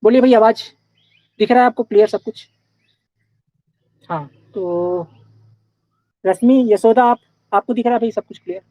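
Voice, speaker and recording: A man's voice: very high-pitched, normal speed, long pauses, warm tone, no room sound, poor audio. A young man teaching a live online class in a casual, chatty way, often checking in with his students.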